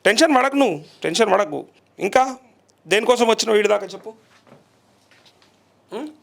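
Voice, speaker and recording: Man, journalist, gravelly voice, coaxing tone, repeats answers back. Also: high-pitched, expressive, normal speed, fairly bright tone. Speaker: journalist interviewer. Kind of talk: on-the-spot interview.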